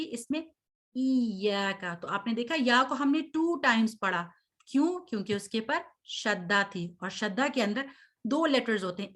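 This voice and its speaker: Woman, high voice, unhurried; patient recitation teacher who stretches out sounds to demonstrate. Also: fairly bright tone. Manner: patient, slow, drawn-out modeling of sounds. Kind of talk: online recitation lesson.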